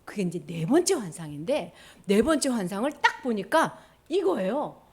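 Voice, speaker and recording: A woman giving an animated children's sermon, quizzing the children as she retells the story. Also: medium pitch, normal speed, husky. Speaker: children's pastor.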